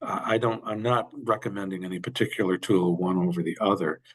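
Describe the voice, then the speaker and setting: A man giving a workshop over a video call, answering questions with halting speech and frequent fillers. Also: deep voice, fairly even intonation, slightly rough. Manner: halting, many fillers and restarts. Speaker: workshop presenter. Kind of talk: webinar Q&A.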